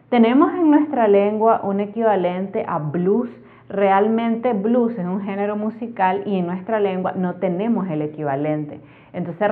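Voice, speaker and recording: A woman with a Latin American Spanish accent, teaching a language lesson and explaining each point clearly and methodically with examples. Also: mid-range voice. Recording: narrow phone-like audio.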